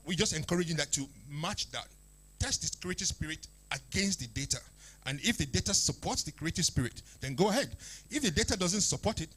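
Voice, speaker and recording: A man with a fairly high voice speaks as a presenter at a talk. He explains his points emphatically, often repeating a phrase to drive it home. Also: fairly bright tone. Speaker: speaker, media business expert.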